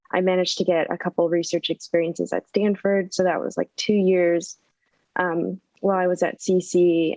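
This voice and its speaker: A woman's voice: fairly low pitch, a little mellow, no room sound, highs cut off. A young woman from Northern California introducing herself as a student panelist, casual and friendly with frequent ums.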